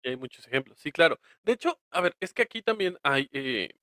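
A man's voice: fairly high pitch, very animated, fairly quick, pushed and bright, no room sound, studio quality. A man with a Mexican accent co-hosting a podcast, chatting casually, laughing often and trailing off mid-thought. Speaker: podcast co-host. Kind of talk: casual chat.

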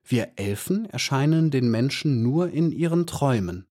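A gentle male flower elf from a fairy-tale storybook, earnest and kind , as a male narrator puts him on. He speaks patiently, his voice raised a little above the reader's usual tone. He sounds warm and serious, never mocking. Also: medium pitch, lively intonation, moderate pace, pitched above the performer's own voice, natural voice.

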